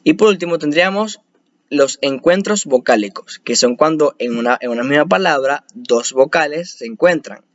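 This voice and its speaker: A man's voice: fairly high pitch, animated, normal speed, no echo. Man teaching a lesson, hesitant explainer, muffled lo-fi sound, dry close mic. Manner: explanatory, frequent restarts and hesitations. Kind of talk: spoken lesson on spelling rules.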